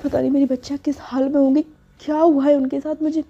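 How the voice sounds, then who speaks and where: A woman's voice: high voice, little pitch movement, quick pace, dark tone. Woman voicing an agitated, scolding father. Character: distraught middle-aged father, short-tempered. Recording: dull lo-fi recording.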